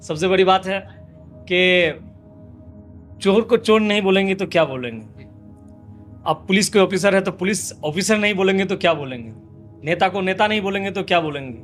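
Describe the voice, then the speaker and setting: Impassioned high-voiced male politician. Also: normal speed, long pauses, fairly bright tone, faint music behind. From West Bengal, India. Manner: impassioned, repetitive rhetorical lists. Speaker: local politician. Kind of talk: interview answers.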